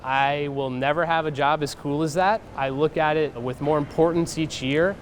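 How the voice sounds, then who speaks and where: A man's voice: on the high side, fairly even intonation, normal speed, slight background noise. An American man in his thirties, earnest and articulate, recalling his work as a museum staffer in an interview. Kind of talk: interview, reflective recollection.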